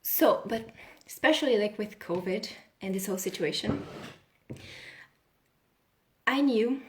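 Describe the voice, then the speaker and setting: Speaking at a measured pace in a mid-range voice, a woman in her thirties from Brazil works as a healing coach. On her live video she's chatty, laughs a lot and often starts her sentences over.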